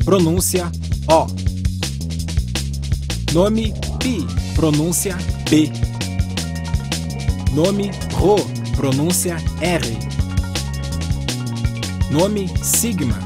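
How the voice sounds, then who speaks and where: A voice reading the letters of an alphabet aloud in a slow, even, repetitive pattern. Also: medium pitch. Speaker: alphabet reader. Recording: loud music under the voice.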